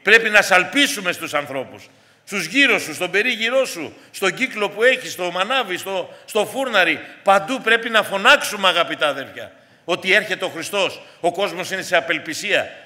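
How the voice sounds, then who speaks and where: A man's voice: sits high, bright, forceful tone. A man preaching a sermon in an earnest way, often calling out to his congregation as dear brothers and sisters. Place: church hall. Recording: long hall reverb.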